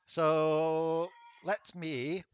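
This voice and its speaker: A man's voice: a little high, flat delivery, drawn-out words, clean tone, highs cut off. Laughing man wrapping up a game. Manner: laughing, swearing, rambling. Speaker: dungeon master. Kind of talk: casual chat at end of a tabletop game session.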